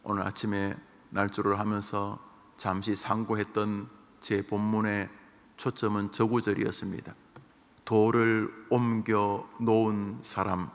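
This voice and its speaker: A male pastor with a gravelly voice delivers a morning devotional sermon in a church. He asks his listeners rhetorical questions, and a long hall reverb trails his words. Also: lowish voice.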